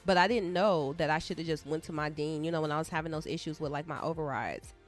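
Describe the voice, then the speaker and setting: A woman's voice: low voice, fast talker. A woman live-streaming while she codes, rambling candidly and talking straight to her viewers. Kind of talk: casual rambling stream chat. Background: soft background music.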